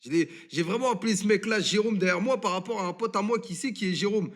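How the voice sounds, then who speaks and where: A man in his twenties, a streamer, telling a story on a live stream in an animated, crude and swearing manner. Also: high voice, quick pace. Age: 20s.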